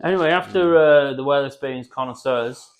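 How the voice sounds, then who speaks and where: Deadpan teasing podcast man. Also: medium pitch, moderate pace, highs cut off. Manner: deadpan jokey teasing, sweary. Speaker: podcast co-host. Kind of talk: casual comedy chat.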